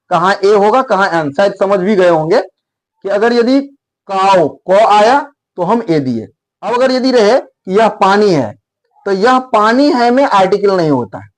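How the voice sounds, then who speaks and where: A man with a fairly high voice teaches an English grammar lesson in Hindi. He explains step by step, spells letters out one by one and repeats his main points emphatically.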